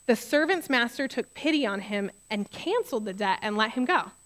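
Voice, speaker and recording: A woman's voice: a little high, expressive, normal speed, fairly bright tone. A young adult woman pastor preaching a sermon in a conversational, earnest way, animating the story she retells.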